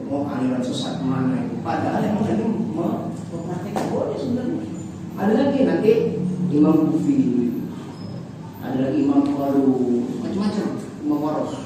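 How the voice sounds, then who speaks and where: A man teaching religion in a relaxed, chatty way, sometimes chanting verses. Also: fairly high pitch, distant mic, background noise. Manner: chants Quran verses, then explains casually. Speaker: preacher. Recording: echoey hall recorded from afar.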